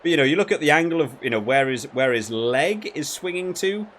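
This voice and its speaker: Reviewing a rugby game for his channel, this man offers loose, rambling gameplay commentary and thinks out loud along the way. He sounds animated and a bit bright, with a voice on the high side and a slightly fast pace.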